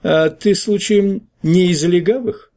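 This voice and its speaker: A man's voice: sits high, slow, mellow, pitched above the performer's own voice. A man reading an audiobook and voicing a rude, scrawny newspaper clerk who talks in a brash, mocking way. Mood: suspicious.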